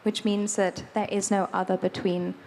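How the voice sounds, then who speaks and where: A woman interpreting on a panel, relaying each passage in steady, even phrases. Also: medium pitch, normal speed, slight background noise. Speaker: moderator and interpreter. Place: large hall at an event.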